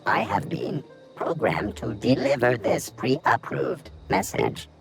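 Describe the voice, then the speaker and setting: A man voicing a calm corporate robot in a video game, giving flat, measured machine announcements. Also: mid-range voice, vocal fry, faint music behind, full character voice. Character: calm, monotone corporate robot, reciting status reports.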